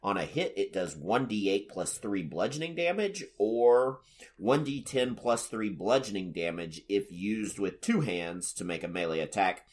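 A man's voice: lowish voice, a little slow. A man co-hosting a casual podcast, reading monster rules from a tabletop game aloud and chatting with friends. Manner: reads game rules aloud in a lively, animated way. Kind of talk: casual chat.

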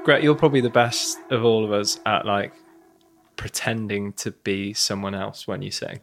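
A man chatting casually and in an animated way with his bandmates. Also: on the low side, normal speed, over music. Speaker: band member. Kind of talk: casual chat.

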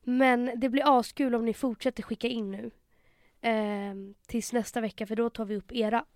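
A woman's voice: fairly high pitch, little pitch movement, dry recording, studio quality. A young Swedish-speaking woman co-hosting a podcast, telling a story animatedly in casual chat and acting out the quotes. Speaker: podcast co-host.

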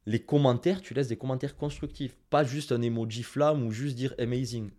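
Male guest, Toulouse accent, mid-pitched, punchy direct advice delivery. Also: normal speed. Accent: Toulouse (southern French). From Toulouse, France. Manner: direct, lively advice-giving, speaks straight to listeners. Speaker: guest, Instagram marketing expert. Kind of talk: casual podcast interview.

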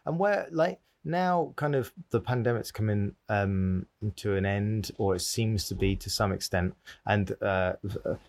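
Male podcast host, low and gravelly, loose conversational delivery with self-deprecating asides. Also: measured pace, hardly any pauses. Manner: rambling, self-deprecating storyteller. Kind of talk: casual interview chat.

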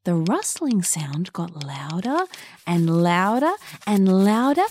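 Slow, expressive woman storyteller. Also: a little high, a little hiss or hum. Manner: gentle, warm and expressive, with dramatic pauses. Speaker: children's storyteller and mindfulness presenter. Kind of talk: children's story narration and guided mindfulness.

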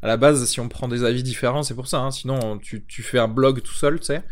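A man hosting a casual film review podcast, animated and quick with asides and laughter. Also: medium pitch. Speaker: podcast host.

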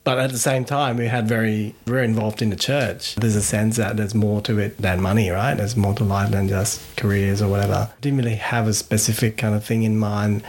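A middle-aged man from Thailand, chatting as a guest in an easy, meandering way. He often trips over his opening words and starts again, loose and unhurried. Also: on the low side. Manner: relaxed, rambling, many restarts. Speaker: podcast guest. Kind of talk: casual interview chat.

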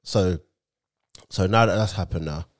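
A man's voice: sits low, measured pace. A man with an urban London roadman accent, chatting casually and slangily as an interviewer. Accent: London, urban street. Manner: slangy, matey. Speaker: interviewer, host. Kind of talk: casual football chat interview.

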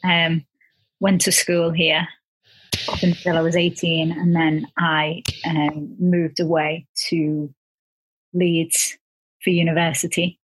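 A woman talks through her career as a podcast guest. Her voice is slightly low and husky, and she speaks in a relaxed, chatty way with plenty of fillers. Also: slow pace, rough recording. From Liverpool, England. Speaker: guest entrepreneur. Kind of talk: casual interview.

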